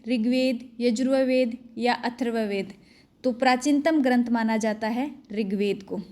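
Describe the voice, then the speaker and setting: A young woman teacher with a high voice runs through an exam-prep quiz lesson at a fast, brisk clip. She reads out a question, then answers it herself in a clear, drilling manner. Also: darkish tone.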